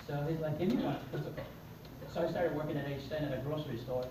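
Speaking quickly in a voice on the high side, a middle-aged man from Mexico recounts his life to an audience, playing out the dialogue as a lively storyteller. He's a motivational speaker whose first language is Spanish, and a distant camera in the echoey conference room catches background noise.

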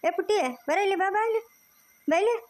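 A woman acting as an older village mother, fretful and sharp-tongued. She rattles her lines off quickly in a high voice, and she talks like a home-made family drama. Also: a little hiss or hum. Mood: coaxing. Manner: scolding, fast and sharp-tongued.

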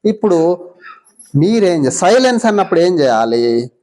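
A woman's voice: on the low side, sing-song, moderate pace, dark tone. A woman with a Telangana Telugu accent teaching young schoolchildren in a classroom, coaxing them with many short questions. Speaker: visiting mindfulness teacher.

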